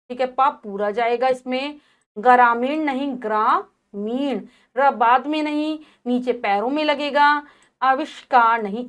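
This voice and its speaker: A woman teacher giving a spelling lesson to children, saying each word slowly and repeating it, asking questions and answering them herself. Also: sits high, fairly bright tone. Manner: says each wrong spelling then the correct one, slowly stressed; patient, repeats words and asks herself questions.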